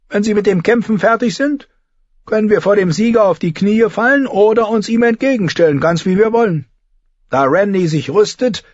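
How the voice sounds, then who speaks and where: A man's voice: high voice, a little mellow, no room sound, dull audio, voice pushed up. A man voicing a sly, weaselly older knight who talks in a wheedling way.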